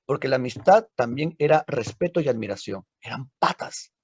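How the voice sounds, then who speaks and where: A man's voice: mid-range voice, lively intonation, brisk, darkish tone, breathy edge. A man with a Peruvian accent, a literature teacher telling a story as a dramatic lecture, with frequent tag questions to his listeners. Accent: Peruvian Spanish. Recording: dull lo-fi recording.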